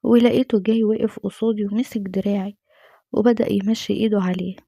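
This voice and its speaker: A woman with an Egyptian Arabic accent narrating a first-person true story in a tense, dramatic way, often dropping to a hush. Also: medium pitch, steady tone, fast talker, creaky, husky.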